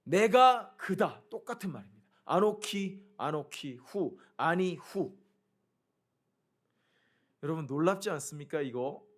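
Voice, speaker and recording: Male pastor, high lively voice, emphatic sermon delivery. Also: unhurried, pauses often. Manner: emphatic, swings from loud proclamations to quiet asides; engages the congregation with questions.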